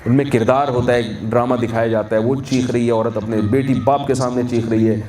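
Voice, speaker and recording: A man's voice: medium pitch, steady tone, darkish tone. A man with a Pakistani Urdu accent gives a sermon at a wedding feast, asking the audience questions and answering them himself. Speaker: Islamic scholar. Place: large hall at a wedding reception. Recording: echoey, distant mic, faint hum.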